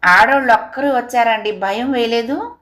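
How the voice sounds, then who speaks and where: A woman's voice: on the high side, moderate pace, fairly bright tone, lightly acted. Respectful village cab driver, curious about his passenger, read by a woman narrator. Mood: polite. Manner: polite, deferential. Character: polite village taxi driver, man. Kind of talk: audiobook character reading.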